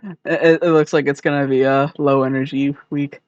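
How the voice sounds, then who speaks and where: A man's voice: on the high side, flat delivery, moderate pace, darkish tone, no room sound. A man co-hosting a casual podcast from home over voice chat, explaining things at length with filler words. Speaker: podcast co-host. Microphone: desk mic over voice chat. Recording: dull, dry voice-chat audio.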